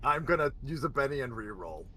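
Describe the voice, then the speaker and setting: A man's voice: mid-range voice, very animated, a little fast, over a noisy crowd. A man playing a tabletop game, playful and joking. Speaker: player. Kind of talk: tabletop role-play chat.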